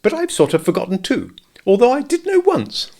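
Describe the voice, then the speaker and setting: A man's voice: very high-pitched, wildly swooping pitch, fairly quick, a little mellow, voice pushed up, exaggerated voice. A man voicing a fussy, know-it-all male rabbit.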